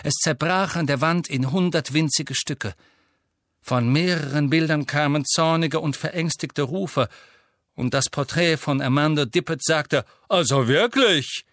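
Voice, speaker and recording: A man reading an audiobook in slow, deliberate scripted narration. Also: a little high, a bit bright, dry recording, clean studio sound.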